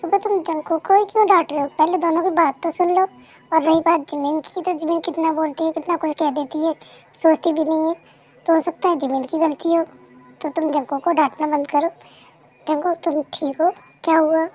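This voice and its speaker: A woman's voice: very high voice, fairly even intonation, normal speed, darkish tone. A woman voicing a sister-in-law who lectures the young wife in a preachy way in a fan-made dub. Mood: lecturing. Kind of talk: fan Hindi dub role-play.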